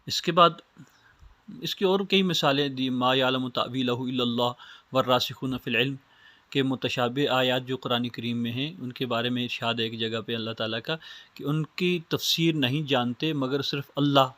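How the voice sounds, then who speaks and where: A man's voice: mid-range voice, a bit bright, no echo. A man from Pakistan lecturing on Islamic studies, explaining step by step with simple everyday examples. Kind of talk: recorded lecture.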